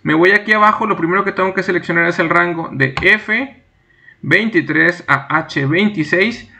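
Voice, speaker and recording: Young male instructor, bright gravelly voice, reads out tasks and narrates each click. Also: high voice, moderate pace. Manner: reads each task aloud, then narrates his clicks step by step. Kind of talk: screen-recorded software tutorial.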